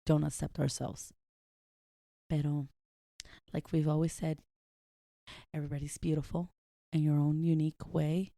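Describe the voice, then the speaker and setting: A woman's voice: low voice, level tone, moderate pace, creaky, long pauses, warm tone, no echo. A woman co-hosting a casual podcast chat with a sore, dry throat, dropping Spanish words into her talk. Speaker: podcast co-host.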